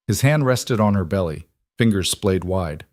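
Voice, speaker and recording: Low-voiced man narrating a frontier romance. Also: animated, moderate pace, a little mellow, no room sound, clean studio sound. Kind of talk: scripted audiobook narration.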